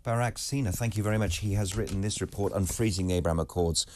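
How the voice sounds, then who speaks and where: A man hosting a broadcast interview, talking in an animated way and often cutting in with quick agreement. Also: a little hiss or hum. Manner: animated, interjecting, rising emphatic pitch. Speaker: TV interviewer, host.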